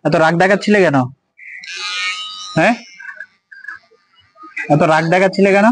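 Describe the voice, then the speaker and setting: A man filming a street vlog, coaxing and gently scolding as he asks the same questions again and again. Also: sits high, steady tone, unhurried, soft background music, poor audio. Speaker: vlogger helping a homeless man. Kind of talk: casual street vlog talk. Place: outdoors on a street.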